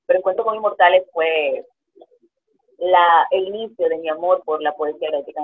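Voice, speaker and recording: A woman with a Dominican Caribbean Spanish accent speaks as an interview guest. Her voice is husky and rough-edged, and she reflects out loud in a conversational way. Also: lowish voice, phone-quality sound. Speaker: guest poet.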